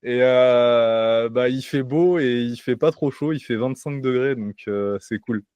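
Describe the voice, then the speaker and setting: A man's voice: medium pitch, a little slow, darkish tone, smooth, no echo. A man hosting a casual podcast, talking loosely with many fillers and restarts. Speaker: podcast host. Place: home by the sea.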